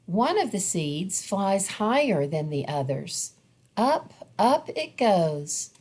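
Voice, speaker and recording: A woman with a medium-pitched voice reads a children's picture book aloud, telling the story in an expressive and deliberate way.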